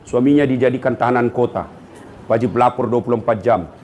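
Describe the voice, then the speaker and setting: A man's voice: medium pitch, fairly quick, a little hiss or hum. A middle-aged man, giving a comedic sermon and teasing the congregation by calling out to them. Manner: animated, teasing, calls out to the audience. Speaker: preacher.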